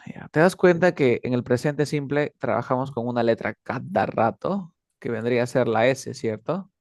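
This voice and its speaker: Man, english teacher, gravelly voice, dry close sound, patient questioning. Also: medium pitch, normal speed, no echo. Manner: patient, checks understanding with frequent questions. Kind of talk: casual one-on-one English lesson.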